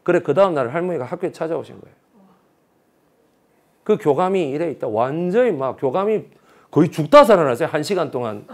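A man's voice: on the high side, brisk, long pauses. A man with a Busan Gyeongsang accent giving a history lecture as a story, acting out the voices of the people he quotes. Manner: animated, acts out quoted voices.

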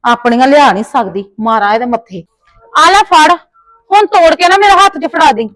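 A woman's voice: high voice, normal speed, fairly bright tone, no echo. A woman playing a neighbour who scolds and taunts with sarcasm in a family drama. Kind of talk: Punjabi village family drama acting.

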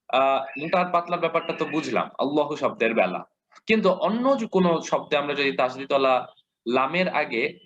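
A man with a Bangladeshi Bengali accent teaching a lesson, patiently repeating examples and modeling slow recitation. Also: medium pitch, a bit bright. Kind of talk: explanatory lesson. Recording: dull lo-fi audio.

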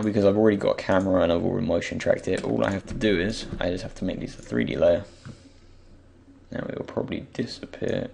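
A young tutorial creator narrates a screen-recorded software tutorial in a croaky, gravelly, very low voice, rough because he's just woken up. Relaxed, he thinks aloud and pauses often. Mouse clicks and a faint hiss can be heard beneath his speech.

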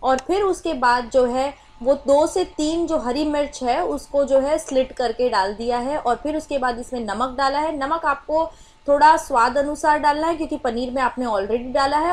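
A woman explaining a recipe step by step in a voice-over cooking tutorial, with many small filler phrases. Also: high-pitched. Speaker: cooking channel host.

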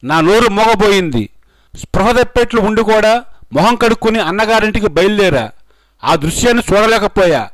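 Male news narrator, high-pitched, dry close-miked read, dramatic questioning delivery. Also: lively intonation, moderate pace, dry recording, low-quality recording. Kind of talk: scripted voice-over narration.

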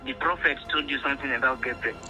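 On a phone call with music playing behind, a Nigerian-accented man talks earnestly in mixed English and Pidgin. He pleads and stresses his points, repeating them often, in a quick, mid-range voice that sounds pushed and bright.

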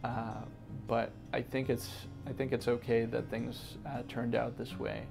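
In an office gallery room, a young Connecticut man who organizes for environmental justice gives earnest interview answers, frequently restarting and filling pauses. He speaks at a medium pitch with a flat, measured, creaky delivery. Music plays under his voice.

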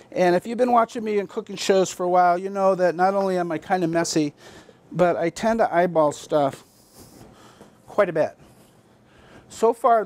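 Folksy, chatty man hosting a cooking demo. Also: sits high. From Massachusetts, US. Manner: folksy, chatty, talks straight to the viewers. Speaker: cooking show host. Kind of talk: homey cooking demonstration. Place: basement kitchen of a town hall.

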